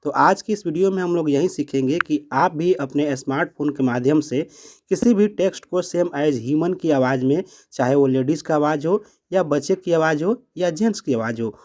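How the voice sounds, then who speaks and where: A man whose voice sits on the high side and is a little mellow hosts a step-by-step app tutorial. He explains things instructively, addressing his viewers as friends.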